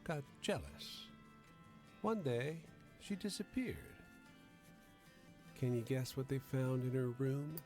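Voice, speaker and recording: A man's voice: medium pitch, expressive, slow pace, long pauses, darkish tone, soft background music. A man voicing a sly, folksy woman who tells a suspenseful tale in a story game. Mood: sly, teasing. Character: sly female storyteller with a secret, playful ghostly lady. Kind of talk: video game character voice.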